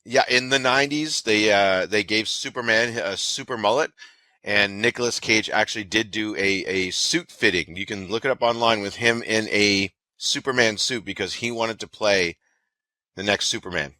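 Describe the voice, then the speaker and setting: A man's voice: on the low side, normal speed, sharp tone, dry recording. A man co-hosting a casual movie podcast who jokes around and laughs often. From Canada. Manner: laughs often, joking and chatty. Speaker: podcast co-host.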